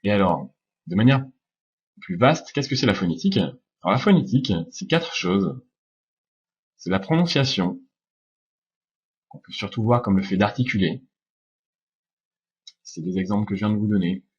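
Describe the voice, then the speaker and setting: A man teaching English pronunciation in French, explaining over slides calmly, with frequent hesitations, slowing down to demonstrate sounds. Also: on the low side, husky, muffled recording. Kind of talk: slide-based lesson narration.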